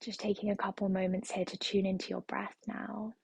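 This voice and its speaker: A woman leading a yoga class through a slow, soothing guided meditation. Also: mid-range voice, level tone, gravelly, darkish tone, slightly rough, dry recording. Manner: slow, soothing, repetitive phrasing. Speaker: yoga teacher.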